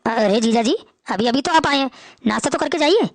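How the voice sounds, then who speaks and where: Young brother in a family drama, high-pitched and quick-spoken, pleading and prickly. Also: female voice, expressive, no echo. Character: young man, poor brother, touchy but meek. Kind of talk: Hindi family drama acting.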